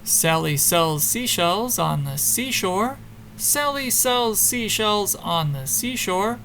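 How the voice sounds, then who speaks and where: A man with a gravelly, slightly high voice reviews camera gear in an unhurried, measured way. He repeats the same test sentence evenly before explaining settings. He is recording in an ordinary room with a window, not a sound booth. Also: expressive, sharp tone, slight background noise. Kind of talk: casual tech review with test readings.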